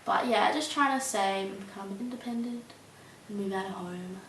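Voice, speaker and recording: In a mid-range, slightly bright voice at a normal speed, a young woman hesitantly and casually answers an interviewer's questions, using many ums and likes. She's a young adult. The recording is roomy, picked up by a distant mic with faint hiss.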